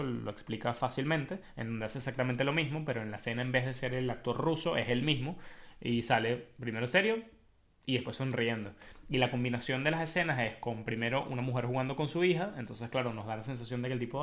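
A Venezuelan-accented man hosts a casual monologue at a middling pitch. He explains in a colloquial, animated storytelling manner, dropping in everyday slang. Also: fast. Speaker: host.

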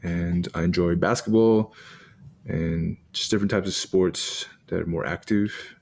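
Laid-back man with a very deep voice. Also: fairly even intonation, a little slow, gravelly, a little mellow. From Texas, US. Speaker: pastor and podcast co-host. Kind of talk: casual chat.

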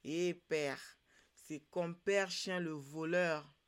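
A woman voicing a tiny magic fetish spirit in a folktale, speaking in a sharp, accusing way. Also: low voice, steady tone, extremely slow, clear, resonant tone. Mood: reporting.

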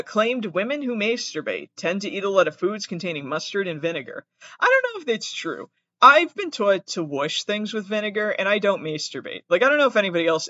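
Reading trivia aloud by himself, a podcast host with a Massachusetts accent keeps rambling and cutting himself off with jokey asides for comedic effect. His voice sits high and sounds sharp. The recording is dull, dry and close-miked, with no echo.

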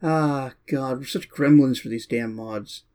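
A woman co-hosting a podcast in casual banter, teasing with quick retorts and swearing. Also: rumbling low, warm tone. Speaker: podcast co-host.

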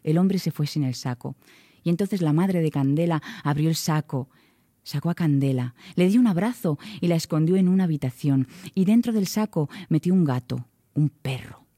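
A woman telling a folk tale to children, expressive and rhythmic, speaking directly to her listeners. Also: low voice, normal speed, no echo, studio quality. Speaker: storyteller.

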